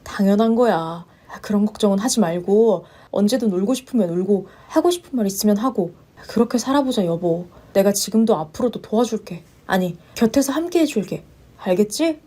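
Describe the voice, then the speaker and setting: A woman voicing a polite, long-suffering young wife who speaks in a measured way and turns firm under pressure. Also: medium pitch, animated, warm tone, lightly acted. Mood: caring. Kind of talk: story narration with voiced roles.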